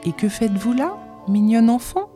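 Stout, pompous middle-aged man, voiced by a woman reader; hushed, fawning, sharp when angered. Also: fairly high pitch, big pitch swings, moderate pace, over music, voice pushed up. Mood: hushed wheedling. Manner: hushed wheedling, turning to sharp scolding.

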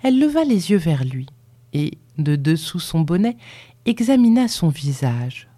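A woman reading a novel aloud as a narrator, in an unhurried and expressive storytelling manner. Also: deep voice, no echo. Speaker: audiobook reader.

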